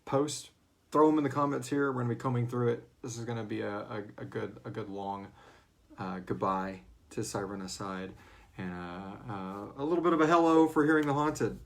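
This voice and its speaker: The host and co-creator of a horror audio drama leads a casual livestream chat, joking and rambling and sometimes muttering while he sets things up. His voice is medium-pitched and gravelly, at a normal speed.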